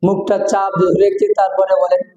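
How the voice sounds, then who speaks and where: A man's voice: high voice, monotone, dark tone, highs cut off. A man with a Bangladeshi accent giving an English pronunciation lecture, drilling each sound by saying it several times. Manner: slow, repeats words several times for drill. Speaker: English teacher. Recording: echoey hall with long reverb.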